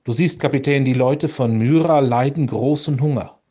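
A man's voice: medium pitch, normal speed, warm tone, highs cut off, close to an everyday voice. A man reading the lines of a kindly, determined bishop pleading for hungry people in a storybook legend. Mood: urgent.

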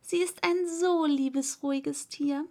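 A woman's voice: high voice, fairly even intonation, a little slow, darkish tone, pitched above the performer's own voice. A woman voicing a polite, curious little girl in a read-aloud story, eager and chatty, sometimes apologetic. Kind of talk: audiobook reading.

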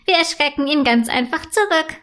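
A woman voicing an excitable little girl, eager and easily scared, in a children's storybook reading. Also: sits high, normal speed. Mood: mischievous.

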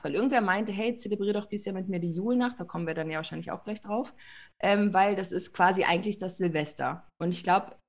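A pregnant woman hosting a podcast, her voice a touch lower than most. She talks in a loose, rambling way, full of fillers and slangy asides. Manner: chatty, rambling, colloquial with many fillers. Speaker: podcast host. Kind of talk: casual chat.

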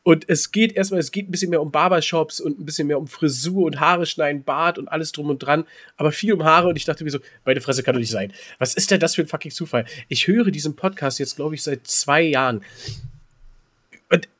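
Slightly high and fairly bright, this man's voice comes out fairly quickly. He chats casually on a podcast as a co-host, spinning stories with colloquial emphasis and mild swearing.

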